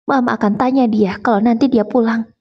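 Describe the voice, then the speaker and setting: A woman's voice: a little high, fairly even intonation, fairly quick, husky, highs cut off. A woman voicing a talkative, doting mother who scolds lovingly. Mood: shocked.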